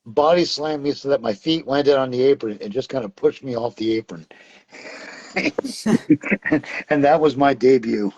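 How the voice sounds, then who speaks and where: A man's voice: medium pitch, lively intonation, a little slow, pauses often, a little mellow. A middle-aged man, telling stories as an interview guest in a loose, rambling way, laughing often and full of fillers. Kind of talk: casual storytelling interview. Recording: dull lo-fi sound.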